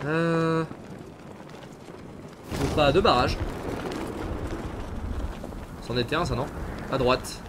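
A man's voice: fairly high pitch, steady tone, slow, pauses often, background noise. A man from France commentating his gameplay, chatting and swearing at his viewers. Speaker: gaming streamer. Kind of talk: let's play commentary. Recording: game sound mixed behind voice.

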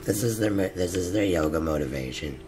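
A man hosting a game role-play, joking loudly and laughing as he plays. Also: low voice, animated, brisk, a crowd in the background. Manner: loud, laughing, joking outbursts. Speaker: gamer host.

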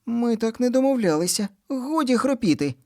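A man voicing an excitable, earnest young boy in a children's audiobook. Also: moderate pace. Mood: excited. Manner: high, lively boyish voice.

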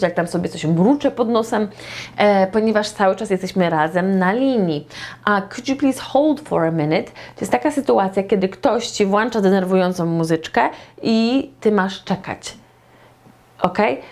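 A woman with a Polish accent teaching English phrases, modelling each one slowly and deliberately. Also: mid-range voice, darkish tone.

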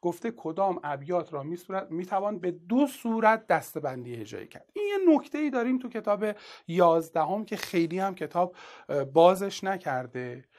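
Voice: medium pitch, sing-song, darkish tone. A teacher giving an exam-prep literature lesson in casual, colloquial speech, walking through each step and asking rhetorical questions along the way.

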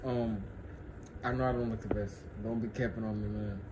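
A man's voice: on the low side, steady tone, normal speed. A young man chatting casually in a vlog, slangy and laid-back, talking with a swollen, sore mouth after having his wisdom teeth out, on a noisy home recording. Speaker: vlogger. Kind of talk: casual chat to camera.

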